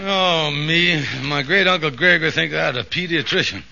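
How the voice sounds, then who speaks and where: A man's voice: a little high, normal speed, gravelly. A man playing a blustering, scheming middle-aged conniver in an old radio sitcom, stammering. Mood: dejected, worried. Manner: stammering, exaggerated folksy delivery. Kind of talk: 1950s American radio sitcom acting. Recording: muffled, noisy old radio recording.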